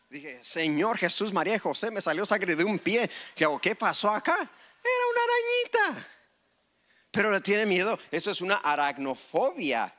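Animated high-voiced male preacher. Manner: animated, asks the crowd, acts out quotes. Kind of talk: lively sermon with audience questions. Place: church before a congregation.

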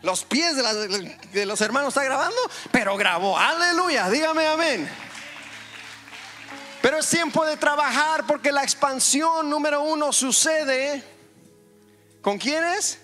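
A male pastor preaching a lively sermon in a church, joking with the congregation and calling for amens. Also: very high-pitched, unhurried, faint music behind, a faint crowd. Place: church hall.

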